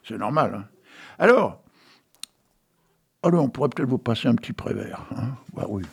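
Gravelly, husky middle-aged radio host. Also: male voice, medium pitch, lively intonation. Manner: rambling, jokey asides, slow deliberate reciting. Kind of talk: casual chat and poetry reading. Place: radio studio.

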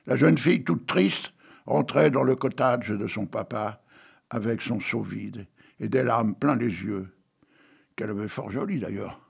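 A man's voice: mid-range voice, measured pace, vocal fry, slightly rough. An older man reading a tale and poems aloud in a theatrical way, breaking off for wry joking asides. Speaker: reader.

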